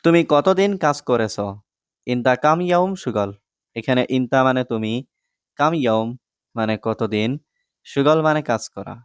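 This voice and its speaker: A man from Bangladesh giving a scripted lesson, explaining phrases word by word in a steady, repetitive way. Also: mid-range voice, unhurried, long pauses, clean tone, no echo. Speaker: Arabic language teacher.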